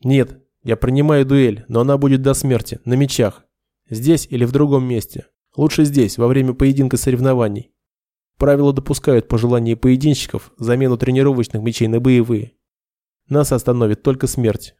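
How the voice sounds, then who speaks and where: A man's voice: medium pitch, fairly even intonation, normal speed, mellow, no echo, studio quality, lightly acted. A man voicing an arrogant, hot-headed young noble lieutenant who talks with haughty scorn. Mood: cold, scornful. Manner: hissing, haughty.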